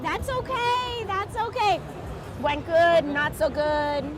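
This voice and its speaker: A woman's voice: very high voice, fairly even intonation, takes it slowly. A woman hosting a live event in an unscripted, conversational way. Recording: music and crowd in busy venue.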